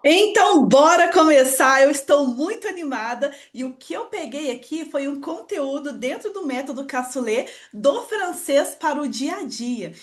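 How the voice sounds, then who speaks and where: A woman's voice: sits high, lively intonation, moderate pace, few pauses. A woman teaching a French lesson online, upbeat and encouraging, talking straight to the viewer. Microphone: computer screen recording voice-over.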